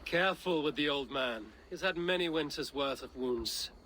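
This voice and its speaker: An actor playing a calm, good-humoured Viking warrior hero in a video game. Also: male voice, fairly high pitch, a little hiss or hum, rough recording. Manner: calm, measured. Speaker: game protagonist.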